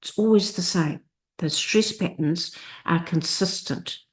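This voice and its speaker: A woman teaching literacy, narrating a lesson that breaks long words into parts and sounds out each piece with care. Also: fairly low pitch. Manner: slow, deliberate, sounds out word parts. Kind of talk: instructional screencast narration.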